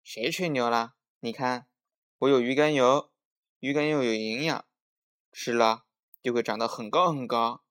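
A man voicing an eager, stubborn little boy who brags in a childish, excited voice. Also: mid-range voice, a little slow, natural voice. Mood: boastful.

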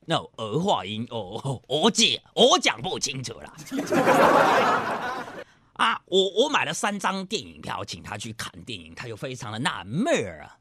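Lively bright-voiced male comedy host. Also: medium pitch, measured pace, a little hiss or hum. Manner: animated, mimicking, playful. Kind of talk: stand-up comedy monologue.

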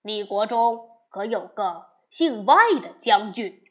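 A woman voicing a boastful male demon king in a storybook tale, talking loudly and bluntly. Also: medium pitch, slow pace, natural voice. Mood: puzzled. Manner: loud and blustering.

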